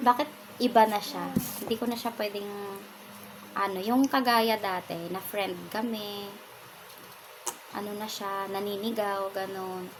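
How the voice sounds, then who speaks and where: A woman from the Philippines telling a personal story on her vlog, speaking softly with frequent pauses and fillers. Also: medium pitch, background noise. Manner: soft-spoken, pauses often with fillers. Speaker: vlogger. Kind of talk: casual personal testimony.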